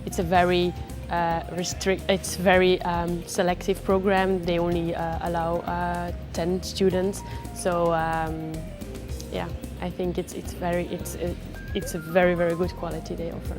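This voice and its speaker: A woman, a former lawyer now a graduate law student, answering interview questions haltingly as she searches for words. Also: on the low side, little pitch movement, over music. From Belgium.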